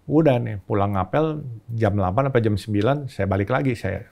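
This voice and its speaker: Animated older man with speech. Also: fairly quick, creaky. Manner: animated, shouts quoted lines in a much higher voice. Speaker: podcast guest. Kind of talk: casual storytelling.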